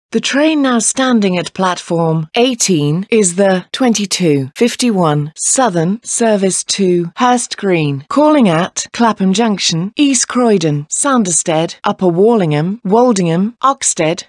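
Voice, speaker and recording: A woman with an English accent reading scripted railway announcements in a formal, measured, pieced-together way. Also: mid-range voice, no room sound, studio quality. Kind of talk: scripted train station announcements.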